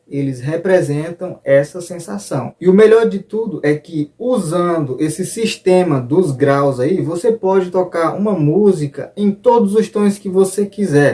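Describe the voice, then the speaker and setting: A man's voice: sits high, measured pace, hardly any pauses. A man teaching guitar step by step in an online lesson, now and then singing short examples. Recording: soft guitar behind the voice.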